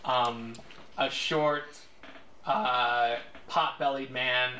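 A man narrates a tabletop game off the cuff. His delivery is slow, halting and informal, with a bright voice slightly far from the mic in an echoey room. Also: mid-range voice, steady tone. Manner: halting, sweary. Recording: echoey room, distant mic, faint noise.

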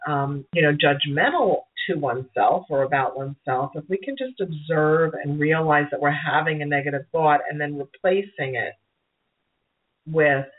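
A woman's voice: sits low, slightly rough. A middle-aged woman with a Brooklyn accent hosting a call-in show, giving casual spiritual advice in an encouraging, rambling way, often repeating her phrases. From Brooklyn, New York. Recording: narrow phone-like sound.

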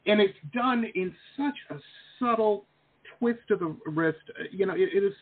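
A man's voice: high-pitched, normal speed, slightly rough. A man hosting an interview show, chatting casually, enthusiastic and rambling. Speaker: podcast host. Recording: tinny phone-like line.

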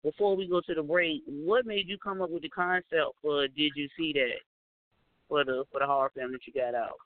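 A man co-hosts a talk radio show, interviewing a guest casually and encouraging him with frequent murmurs. His voice is smooth and clear and sits a bit higher than most men's. It comes through a thin phone line. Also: fairly even intonation, fairly quick. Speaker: radio co-host.

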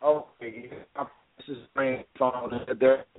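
A man's voice: mid-range voice, flat delivery, slow pace, no echo. A man on a group phone call whose line keeps breaking up, checking again and again whether the others can hear him. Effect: choppy phone line breaking up. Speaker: call participant.

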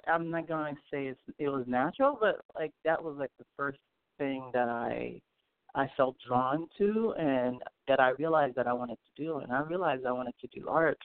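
A man's voice: mid-range voice, normal speed, dry recording. A man from Haiti, a guest artist, answering interview questions hesitantly with many ums and repeated words. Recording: tinny phone line.

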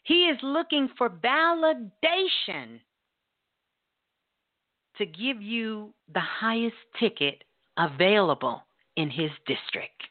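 A woman's voice: fairly high pitch, very animated, slow. A woman radio host delivering a blunt, emphatic talk monologue with casual swearing. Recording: tinny phone-line sound.

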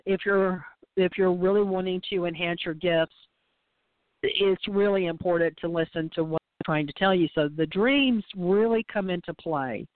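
A woman's voice: fairly low pitch, moderate pace, dry recording. A woman talking casually and emphatically about spiritual matters in a folksy, joking way, her voice a bit congested from pollen. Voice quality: congested, often clearing throat. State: voice affected by pollen. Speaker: guest intuitive medium and card reader. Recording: muffled phone-like line.

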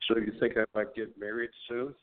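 A man calling in to a radio show, his fairly low voice squeezed thin by a tinny phone line. He talks in a halting way, padding his words with "uh". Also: little pitch movement, crowd noise. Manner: hesitant, many "uh"s. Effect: phone-line voice of a radio show caller. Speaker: caller. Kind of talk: casual phone chat.

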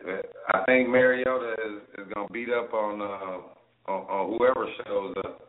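A man calls in to a sports show over a tinny phone line, and a loud echo trails every word. His voice sits low, and he talks in a relaxed, halting way. He is casual and unhurried. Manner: easygoing, hesitant with fillers. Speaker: caller. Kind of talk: casual call-in sports chat.

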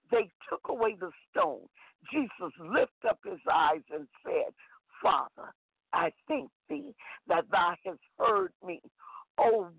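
Gravelly-voiced woman preaching over a phone line. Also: medium pitch, no room sound. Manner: sing-song preaching with recurring refrain. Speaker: prophetess giving a devotional. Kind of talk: scripture reading and devotional preaching. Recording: tinny phone line, dry.

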